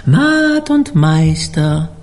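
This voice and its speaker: A man voicing an old ship's cook who speaks slowly and eerily, like a prophet, in a storybook reading. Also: on the high side, sing-song, darkish tone, voice pushed up, full character voice. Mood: eerie prophetic. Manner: slow, drawn-out, faraway prophetic tone.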